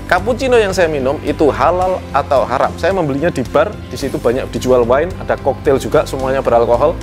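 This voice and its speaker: A man, a business coach talking straight to the camera and repeating his questions to viewers. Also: on the high side. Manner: asks viewers to answer in the comments, repeats questions. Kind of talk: direct-to-camera talk.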